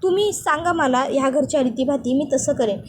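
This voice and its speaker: A woman voicing a gentle young bride who pleads softly and apologizes. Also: sits high, fairly quick, a little hiss or hum, natural voice. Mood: pleading.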